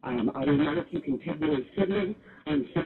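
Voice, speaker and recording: A man's mumbled voice from an old playback, somewhat high in pitch. It comes through a narrow, phone-like sound. A faint hiss runs under it. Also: fairly quick. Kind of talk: played-back recorded talk.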